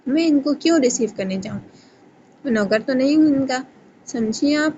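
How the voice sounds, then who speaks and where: A woman's voice: high-pitched, dull audio, slight background noise, lightly acted. A woman reading the lines of a bitter, angry young male boss in a romance novel reading. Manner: sharp and scornful.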